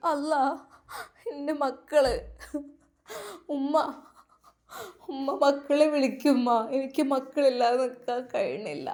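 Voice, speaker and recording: A woman's voice: sits high, measured pace, dark tone. A woman voicing a grief-stricken young mother who pleads tearfully for her children. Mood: tearful pleading.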